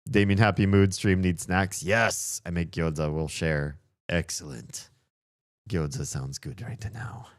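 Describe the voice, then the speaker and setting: A man's voice: sits low, steady tone, measured pace, no echo, studio quality. A man chatting casually as he streams and comments on a video game.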